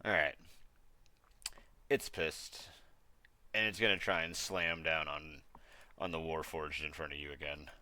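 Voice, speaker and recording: A man acting as game master, narrating combat in a casual tabletop game, swearing when excited. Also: a bass voice, measured pace, long pauses, no echo.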